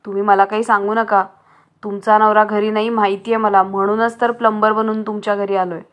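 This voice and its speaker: A woman's voice: mid-range voice, level tone, fairly quick, close to an everyday voice. Bossy threatening burglar guy, a lady putting on the voice, storybook crook, pushes his words up a bit. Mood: menacing. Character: bold male thief posing as a plumber.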